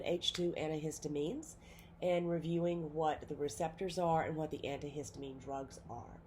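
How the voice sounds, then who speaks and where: A nursing instructor who has a cold gives a recorded classroom lecture on nursing pharmacology, speaking informally with lots of fillers and self-corrections. Her voice sits low with a dark tone, and there is slight background noise.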